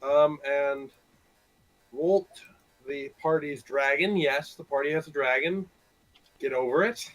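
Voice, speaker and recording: A man's voice: fairly high pitch, steady tone, slow, long pauses, faint music behind, poor audio. A man running a tabletop game as game master, recapping in a casual, rambling way with many fillers.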